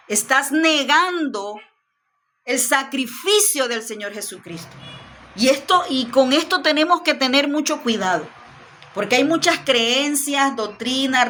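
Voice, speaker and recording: A woman's voice: sits high, bright, forceful tone, slight background noise. A woman teaching a Bible study lesson, speaking emphatically and often repeating her phrases.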